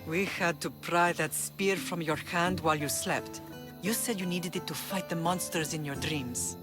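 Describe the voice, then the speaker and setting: A stern, protective Spartan mother explains things firmly, as an actress plays her in a video game. She sounds middle-aged and steady, with game music clearly audible behind. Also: lowish voice, moderate pace, natural voice. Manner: firm, instructive.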